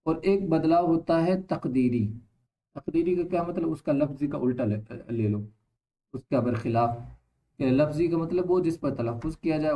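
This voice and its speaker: A male teacher giving a grammar lesson in an unhurried, patient way. He reads passages of text aloud and then explains them piece by piece. He keeps stopping to ask whether his students have understood. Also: medium pitch, dark tone, poor audio. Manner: explains slowly, repeats points, checks understanding with quick questions. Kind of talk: classroom-style grammar lesson.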